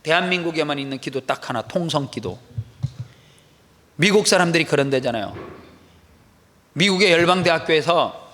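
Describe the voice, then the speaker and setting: A man preaching an animated sermon as a pastor, acting out quoted voices with sudden loud outbursts. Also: fairly high pitch, normal speed, pauses often. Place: church sanctuary. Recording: long echo of a large hall.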